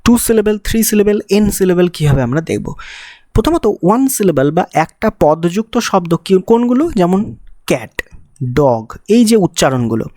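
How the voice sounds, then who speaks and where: A teacher explains physics problems for exam students one step at a time. The voice sits at a middle pitch, and it is recorded close up on a dry mic with no room echo. The teacher keeps asking the student rhetorical questions and uses English technical words in the middle of sentences. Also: very animated, a little fast, warm tone. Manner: mixes English technical terms into the talk. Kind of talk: exam-prep physics lesson.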